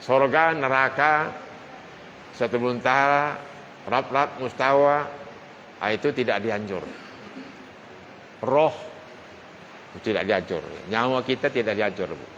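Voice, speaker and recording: A male preacher tells an evening religious lesson with emphatic, direct address to his listeners. His voice sits at a middle pitch and carries a long reverb from the hall. The sound is dull and lo-fi, with faint background hiss. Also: slow, long pauses, fairly bright tone. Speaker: Islamic preacher. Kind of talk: evening religious study lecture.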